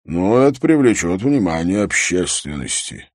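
A man's voice: low voice, big pitch swings, moderate pace, a little mellow, no room sound, studio quality. A man voicing a terse, reserved police detective.

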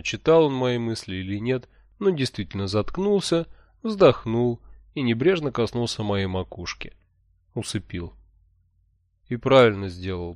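A man reading a first-person audiobook narration in a measured, wry, even way. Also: lowish voice, no room sound, clean studio sound.

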